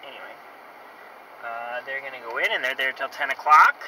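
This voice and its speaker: A middle-aged man giving a relaxed, chatty vlog update to the camera from the car. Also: mid-range voice, a little fast, far from the mic, a little hiss or hum, low-quality recording. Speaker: parent vlogging after a drop-off.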